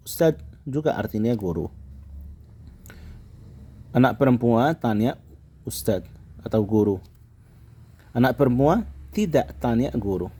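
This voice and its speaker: A man's voice: medium pitch, mellow, breathy edge. A man teaching a language lesson, patiently repeating words and explaining them to his viewers. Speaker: Arabic teacher.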